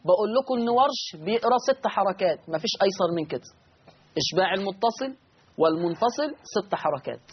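A man with an Egyptian accent teaching Quran recitation on a call-in lesson, repeating each point slowly so listeners can write it down. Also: sits high, expressive, husky, lo-fi sound. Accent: Egyptian Arabic.

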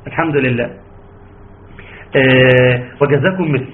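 A man with an Egyptian Arabic accent who teaches Quran recitation in an online class. He stretches out his fillers and slowly demonstrates each sound. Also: medium pitch. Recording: tinny phone-like line, faint ambience.

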